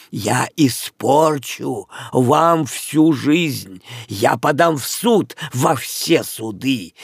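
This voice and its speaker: A man's voice: mid-range voice, creaky, slightly rough, no echo, clean studio sound, full character voice. A man voicing a theatrical wandering singer who declaims grandly and stresses each syllable.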